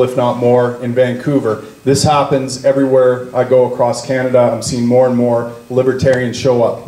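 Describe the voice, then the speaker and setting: A man leading a political party, speaking at a party meeting and telling a story, slowing down to lean on key words. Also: mid-range voice, mellow. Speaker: party leader. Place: meeting room. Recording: echoey meeting room.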